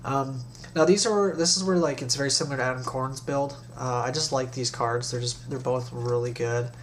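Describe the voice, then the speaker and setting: A man's voice: medium pitch, fairly even intonation, normal speed. A young man with a stuffy, nasal voice from recent nose surgery, chatting casually and in slang as he hosts a deck review. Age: young adult. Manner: slangy, informal. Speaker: card game video host. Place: small bedroom, indoors. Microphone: webcam or laptop mic at desk distance. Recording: noisy webcam recording with hum.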